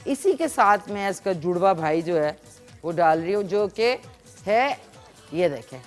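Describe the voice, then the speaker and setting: A woman's voice: fairly low pitch, lively intonation, measured pace, soft background music. A woman hosting a live cooking show in a Pakistani Urdu accent, chatting with callers and explaining each step as she cooks. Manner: chatty, demonstrative, explains recipes while cooking.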